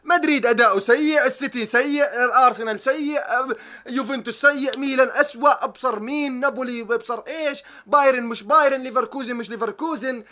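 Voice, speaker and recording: A man's voice: extremely high pitch, fast talker, sharp tone. A young man, ranting animatedly about football as a vlogger, swearing oaths and mocking tactics talk. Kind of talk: excited football reaction rant.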